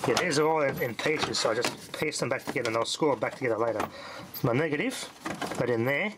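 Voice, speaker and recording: A fast-talking man with an animated, medium-pitched voice walks through a radio test as a hobbyist vlogger. He rambles casually and mutters to himself while working, over loud noise and handling clicks.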